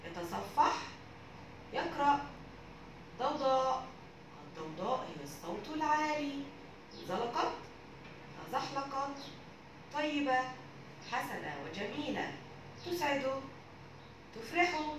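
A woman from Egypt, a primary school teacher, reading a story and explaining words and grammar to young children in a didactic manner. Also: sits high. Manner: warm didactic tone, addresses the children as dear ones. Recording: echoey room, distant mic, background noise.

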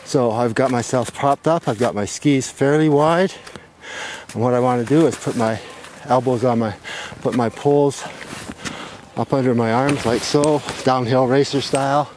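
A man's voice: mid-range voice, moderate pace, darkish tone. Older male ski instructor, outdoor noise. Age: older, 60s or above. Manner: simple step-by-step instructions with repeated short phrases. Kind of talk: informal outdoor demonstration lesson. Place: outdoors on a snowy ski slope.

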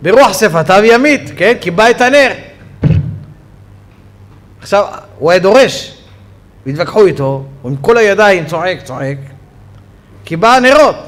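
A rabbi with an Israeli Hebrew accent teaches a Torah class on Sabbath law in a study hall. His voice sits high, and he pauses often while telling animated stories, his voice rising sharply whenever he gets excited.

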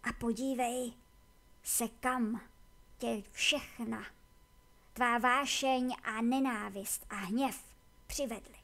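A woman's voice: a little high, steady tone, pauses often, a bit bright. Weary old male elder, voiced by a woman. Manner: tired, subdued delivery. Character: weary aged male elder, tired and guilty.

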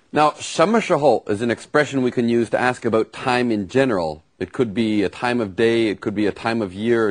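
A man's voice: medium pitch, slightly rough. A man teaching vocabulary and grammar in a lesson, explaining patiently with examples. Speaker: language teacher.

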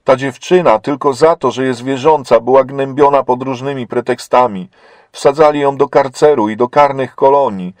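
A man's voice: mid-range voice, moderate pace, a little mellow, no room sound, pitched above the performer's own voice, close to an everyday voice. A man voicing a bold young woman prisoner. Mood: indignant. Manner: urgent, indignant pleading.

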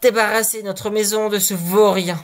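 A man's voice: high-pitched, fairly even intonation, normal speed, voice pushed up, natural voice. A man reading a fairy tale aloud, voicing a village woman, the sexton's wife, anxious and then indignant. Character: distraught angry sexton's wife.

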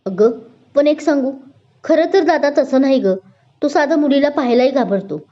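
A woman voicing Akanksha, a gentle and sincere young college woman in a spoken story. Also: high voice, lively intonation, moderate pace, pitched above the performer's own voice. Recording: dull lo-fi recording.

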